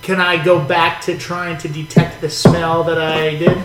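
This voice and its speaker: A man playing in a tabletop role-playing game, talking casually and haltingly about the rules with the group. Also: fairly high pitch, level tone, loud music behind the voice. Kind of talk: casual gaming chat. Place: room with a group of players. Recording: echoey, distant, noisy room with clicks.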